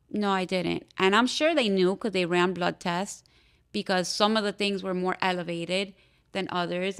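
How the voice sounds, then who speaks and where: Candid young woman from Miami, smooth voice. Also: mid-range voice. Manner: candid, halting, with frequent fillers and restarts. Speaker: interview guest. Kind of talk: personal testimony in a podcast interview.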